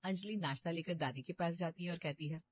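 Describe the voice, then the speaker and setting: A woman's voice: lowish voice, a little fast, no room sound. Woman narrating a cartoon story. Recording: dull lo-fi dry recording.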